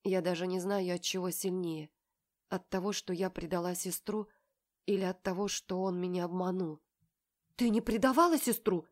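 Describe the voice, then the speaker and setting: A woman's voice: lowish voice, level tone, moderate pace, a little mellow. Woman reading a first-person audiobook, emotionally invested. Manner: emotional, heartbroken storytelling. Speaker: audiobook narrator.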